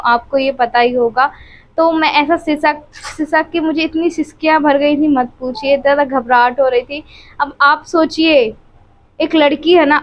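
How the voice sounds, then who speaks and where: A woman family vlogger at home, speaking emotionally and directly to her viewers about her troubles, recorded on a phone camera. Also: sits high. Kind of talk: tearful personal confiding to viewers. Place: at home, by the bed. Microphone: phone camera held close. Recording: dull, lo-fi phone audio.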